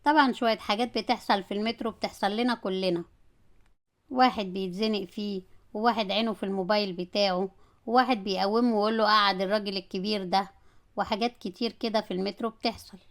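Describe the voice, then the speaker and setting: A woman with an Egyptian Arabic accent, narrating a comic story in a brisk, animated way. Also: medium pitch.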